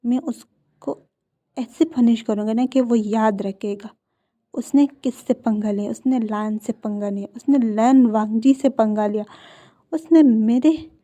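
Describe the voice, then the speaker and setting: A woman voicing a possessive young man who talks low, quiet and intense. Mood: threatening. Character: possessive young man, soft then threatening.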